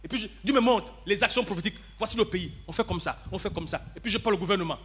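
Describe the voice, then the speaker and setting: A man preaching a storytelling sermon in church, acting out dialogue and swinging between shouting and low murmurs. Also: very fast, husky. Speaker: pastor.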